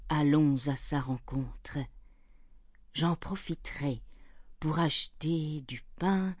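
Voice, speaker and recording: A calm, kindly grandfather speaks slowly and reassuringly, with a gentle, slightly lowered voice, read by a woman narrator. The sound is dry and close. His tone stays soft and unhurried. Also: dry recording. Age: older.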